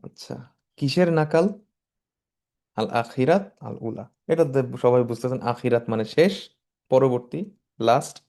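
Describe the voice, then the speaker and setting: A man gives an online lesson on Quranic Arabic. His voice is dark and mellow at an ordinary pitch. He breaks each verse down word by word and mixes English grammar terms into his explanations. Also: creaky. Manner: slow, measured recitation of verses.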